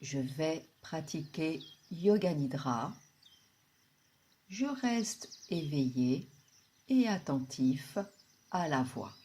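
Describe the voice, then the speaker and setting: This is a woman's voice leading a deep relaxation meditation as a yoga nidra guide. Long pauses punctuate her slow, calm and soothing instructions.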